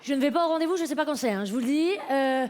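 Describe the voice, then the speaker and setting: High-voiced woman doing chatty stand-up. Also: lively intonation, very fast, a little mellow, some chatter behind, slight background noise. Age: late 20s. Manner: chatty and self-mocking, talks straight to the audience. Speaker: stand-up comedian. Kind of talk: stand-up comedy set. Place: comedy festival stage before a live audience.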